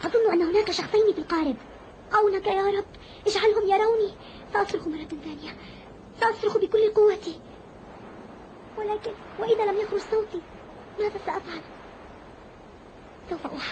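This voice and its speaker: A woman voicing a frightened, devout young boy lost at sea in an animated film, praying aloud and pleading. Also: very high-pitched, fast, long pauses, dull audio. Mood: weak pleading. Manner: prays aloud, pleading and earnest. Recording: noisy soundtrack background.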